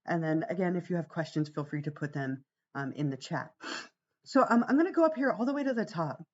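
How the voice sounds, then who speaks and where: A woman instructor with a gravelly voice, worn by a cold and a week of talking, giving an informal, reassuring class orientation on a livestream. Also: low-pitched, lively intonation, fairly quick, muffled recording. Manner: reassuring, conversational. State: fighting a cold, voice strained from much talking. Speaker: college psychology instructor.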